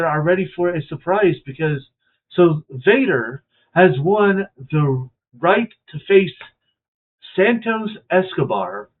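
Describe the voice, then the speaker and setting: A man streaming and commentating a wrestling video game in a casual, hesitant way, his voice coming through a tinny, tin-can-sounding mic. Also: high-pitched. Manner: hesitant and musing, with many fillers. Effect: tinny, tin-can-like phone sound.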